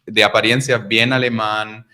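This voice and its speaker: A man hosts a relaxed interview, asking questions in a low voice. He hesitates and searches for his words as he goes. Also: normal speed. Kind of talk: casual interview chat.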